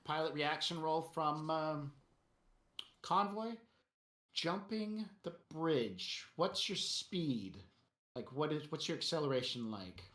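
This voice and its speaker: A man's voice: fairly high pitch, animated, takes it slowly, fairly bright tone. A man working as game master, improvising narration for a tabletop game and chatting casually with players. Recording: roomy, echoey sound.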